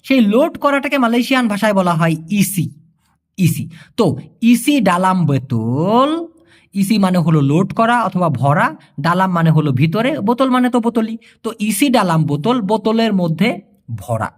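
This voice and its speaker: In a relaxed video lesson, a male language teacher speaks in a lively, fairly high voice that swings up and down. He takes each word slowly, says phrases more than once, jokes around with the viewer, and keeps asking if everything is clear.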